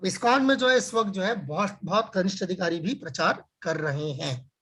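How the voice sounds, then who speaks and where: Husky man teaching an online class. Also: high voice, pushed and bright. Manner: explains with everyday examples and rhetorical questions; frequent filler phrases and restarts, slows to stress key words. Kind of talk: conversational religious lecture. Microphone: video call.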